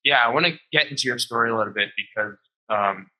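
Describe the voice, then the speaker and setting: Bright-voiced male podcast host. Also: medium pitch, quick pace, poor audio. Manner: upbeat, friendly with frequent ums. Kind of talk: interview podcast.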